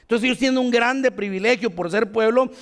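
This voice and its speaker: A man's voice: extremely high pitch, fairly quick, a bit bright. A man pastor giving a conversational sermon, constantly addressing the congregation as brothers and checking in with them. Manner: conversational preaching with frequent "hermanos" and "¿verdad?". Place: church hall. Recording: reverberant church hall.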